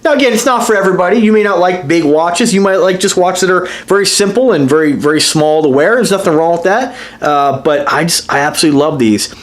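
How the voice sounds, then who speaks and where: Excitable high-voiced man reviewing watches. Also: fast talker, hardly any pauses. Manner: enthusiastic, rambling, many fillers and restarts; addresses viewers directly as guys. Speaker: watch reviewer and channel host. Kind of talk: casual product review vlog.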